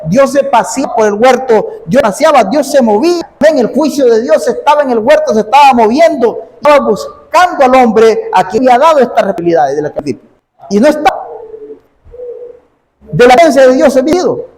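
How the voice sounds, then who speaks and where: A man's voice: very high-pitched, animated, normal speed, a little mellow. A man preaching a sermon as pastor, repeating his phrases and stopping often to say amen and ask if you see. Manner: repeats phrases, punctuates with "amén" and "¿ves?". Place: church sanctuary. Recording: long reverb of a large hall.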